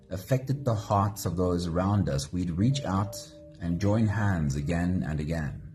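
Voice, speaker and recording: A man hosting a live guided meditation, speaking gently and greeting viewers by name. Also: deep voice. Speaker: meditation host.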